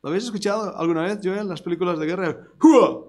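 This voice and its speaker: A man preaching a sermon with an accent from Spain, animated and emphatic, breaking into loud declarations and joking asides to his congregation. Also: high voice, very fast. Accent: Spain Spanish. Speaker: pastor. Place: church service before a congregation.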